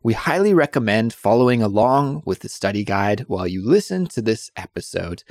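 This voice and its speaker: Guy hosting an english learning podcast, lowish voice, dry close sound, calm and clear. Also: normal speed, no echo. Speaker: podcast host. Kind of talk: scripted announcement and casual interview.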